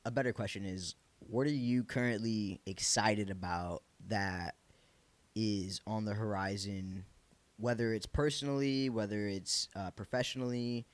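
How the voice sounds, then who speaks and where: A man's voice: lowish voice, fairly even intonation, unhurried, dry recording. Casual male podcast host with a Michigan accent. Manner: slangy, encouraging, informal. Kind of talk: casual interview chat.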